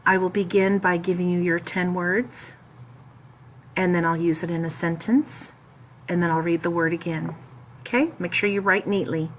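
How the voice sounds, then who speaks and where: A woman teacher dictating a spelling test to children, deliberately separating and repeating words and reading example sentences. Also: on the low side, steady tone, slight background noise, low-quality recording. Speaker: elementary school teacher.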